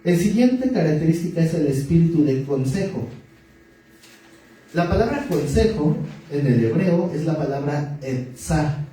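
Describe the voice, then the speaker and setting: A male pastor preaches in an easy, joking manner and keeps asking his listeners questions. His voice sits a little high but sounds very dark and mellow. He is heard from well back in a very echoey hall, with faint noise behind him. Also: very animated, a little slow, distant mic. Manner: conversational, joking, asks the audience questions. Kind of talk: sermon.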